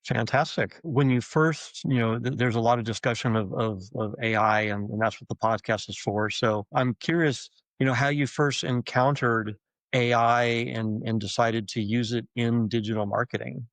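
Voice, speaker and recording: A man's voice: mid-range voice, steady tone, moderate pace, fairly bright tone, no room sound, rough recording. A man hosting a podcast interview, reading a scripted intro and then asking questions in a casual way. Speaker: podcast host.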